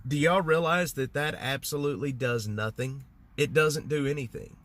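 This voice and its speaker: With a medium-pitched, slightly bright voice and a moderate pace, a stuffed-up man hosts a casual livestream, chatting with viewers in a rambling way full of fillers and false starts.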